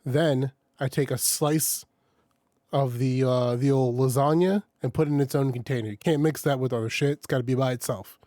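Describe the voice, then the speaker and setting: A podcast host tells an animated story in casual chat about how he packs his leftovers, swearing freely and laughing a lot. His voice sits mid-range at normal speed, and the studio sound is clean with no room sound.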